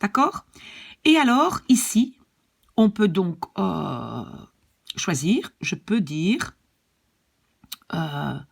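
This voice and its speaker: Breathy-voiced woman teacher, slow and patient, lively pitch, asks "d'accord?" often. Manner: patient, repeats and checks "d'accord?". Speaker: language teacher. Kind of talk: online language lesson.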